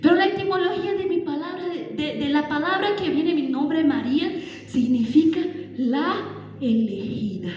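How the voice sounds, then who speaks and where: A woman's voice: sits high, moderate pace, a little mellow, lo-fi sound, close to an everyday voice. A woman preacher telling a first-person sermon as Mary Magdalene, a devoted, awestruck disciple, in an emotional, dramatic way. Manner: emotional, dramatic storytelling with exclamations. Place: large church hall at a women's congress. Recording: echoey hall with background music.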